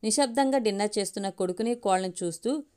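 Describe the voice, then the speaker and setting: A woman storyteller reading a family story aloud in a measured, expressive way. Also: mid-range voice, smooth. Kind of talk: audiobook story narration.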